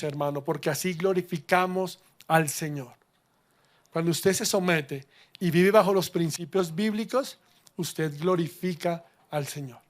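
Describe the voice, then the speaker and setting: High-voiced pastor preaching. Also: male voice. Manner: lively, questioning the congregation, humorous. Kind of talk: sermon.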